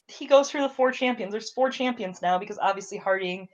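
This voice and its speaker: A woman's voice: medium pitch, normal speed, highs cut off. A young woman hosting a podcast, chatting casually and ranting with frequent swearing. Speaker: podcast host.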